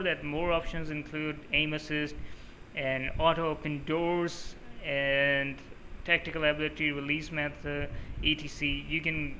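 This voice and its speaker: This rambling, improvised settings walkthrough over a screen recording comes from a mobile gaming channel host whose first language is Urdu, and he uses many filler sounds. His voice is a little high with a sharp edge. There's slight background noise in a low-quality recording.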